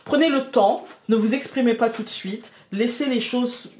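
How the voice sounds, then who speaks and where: A woman's voice: fairly high pitch, moderate pace, darkish tone, echoey room, slight background noise. A woman with a Picard accent giving a weekly tarot guidance, talking directly to her viewers with many hesitations and restarts. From France. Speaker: tarot card reader. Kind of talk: weekly card reading guidance.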